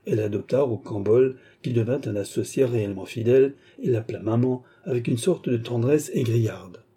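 A male narrator reads a nineteenth-century novel in measured, even storytelling. His voice is dark and a bit husky. The pitch sits in an ordinary male middle range. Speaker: audiobook narrator. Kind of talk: literary audiobook narration.

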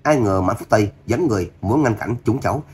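Hot-tempered young heroine, voiced by a male narrator; husky, low, fast. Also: expressive, darkish tone. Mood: explaining. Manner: angry, panting. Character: fierce loyal young woman, hot-tempered.

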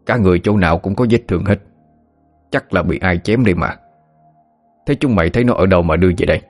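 A man voicing an older village healer who talks in a blunt, gruff way. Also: low-pitched, quick pace, faint music behind. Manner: gruff, plain-spoken.

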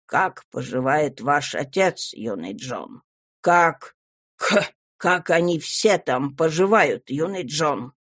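A woman voicing a proud, irritable older gentleman who speaks stiffly and keeps clearing his throat in a storybook reading. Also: sits low, expressive, slow pace, exaggerated voice. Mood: embarrassed.

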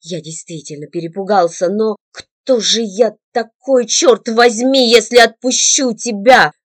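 A woman's voice: mid-range voice, a little slow, no room sound, close to an everyday voice. A woman voicing a frightened earnest young man. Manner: hesitant then earnest. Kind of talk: audiobook character voice.

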